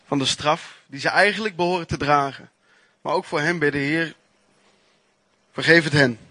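A man preaching a sermon, telling his own testimony in an earnest, emphatic way with pauses and restarts. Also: fairly high pitch, sharp tone, no echo.

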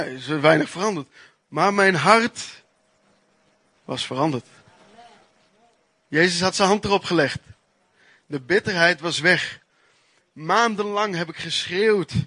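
Man preaching, earnest and emphatic, slightly high voice, dry close sound. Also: bright, forceful tone, breathy edge, dry recording. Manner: earnest, emphatic, with pauses and restarts. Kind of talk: sermon with personal testimony.

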